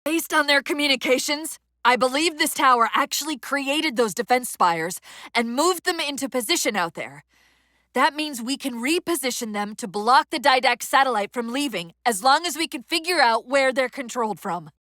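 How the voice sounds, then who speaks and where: In a military sci-fi game, a female AI partner snaps out crisp tactical commands with dry wit and a sardonic edge, sounding focused, brisk, and urgent. Her high, bright voice has lively intonation and is captured in a close, dry recording.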